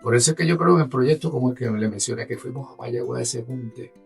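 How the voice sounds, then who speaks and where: A man's voice: mid-range voice, fast, gravelly, recorded from a distance, soft background music. A man with a Puerto Rican Spanish accent talks conversationally as an interview guest, explaining with animation and checking in with his listener. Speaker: orchestra musician and guest.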